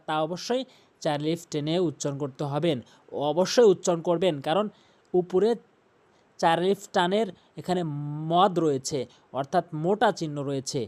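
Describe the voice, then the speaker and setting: A man's voice: on the high side, darkish tone. Man teaching Quran pronunciation, stretching recited words. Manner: drawn-out chanted recitation of example words between explanations; repeats each sound several times. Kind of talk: tajweed pronunciation lesson.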